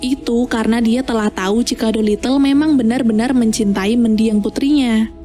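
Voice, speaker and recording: A woman's voice: on the high side, fairly even intonation, moderate pace, over music. A woman narrating a film plot recap as scripted storytelling.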